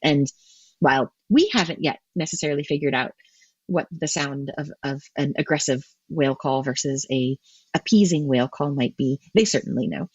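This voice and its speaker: A woman researcher talks through her answers in a slightly husky voice, circling back and restarting as she thinks. The recording is dry and somewhat dull, like a lo-fi remote call. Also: sits low, moderate pace, a little mellow, dry recording. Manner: thinks aloud with many restarts and ums. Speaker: marine ecologist guest. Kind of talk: thoughtful interview answers.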